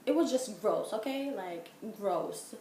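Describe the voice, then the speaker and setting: A woman's voice: medium pitch, animated, slow pace, warm tone. A young woman telling a casual story in an exasperated, emphatic way, full of filler words. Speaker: vlogger. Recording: echoey room, faint background hum.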